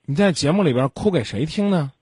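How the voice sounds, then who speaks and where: A man's voice: fairly high pitch, expressive, fairly quick, darkish tone, breathy edge, dry recording, clean studio sound. A male radio advice host who lectures callers bluntly and scolds them sternly. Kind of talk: late-night radio advice talk. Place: radio studio. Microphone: studio microphone.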